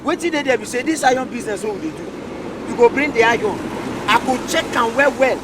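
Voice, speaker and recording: A man's voice: very high voice, fast. A man with a Nigerian accent playing a cautious scrap iron buyer, speaking Nigerian Pidgin. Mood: wary. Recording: outdoor street noise and cars.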